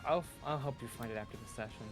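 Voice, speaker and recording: Guy player talking super quick and dry, online tabletop game. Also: medium pitch, over music. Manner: dry, matter-of-fact corrections. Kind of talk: casual tabletop game chat. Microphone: online voice call.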